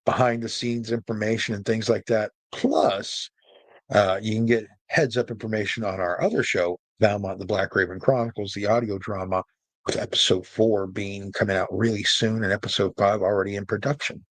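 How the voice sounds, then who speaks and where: A man hosts a storytelling show as a casual explainer monologue, chatty and full of jokey, rambling asides. His fairly low voice holds a steady tone at a moderate pace in a dry recording.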